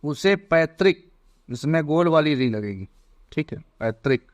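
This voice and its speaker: A man teaching an exam prep lesson, slowly spelling out words one by one. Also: on the high side, lively intonation.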